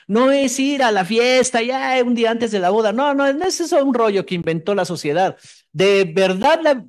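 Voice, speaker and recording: Man preaching an emphatic sermon, high voice. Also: darkish tone. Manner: emphatic, repeats phrases for emphasis, shifts from fast asides to slow stressed words. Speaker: pastor.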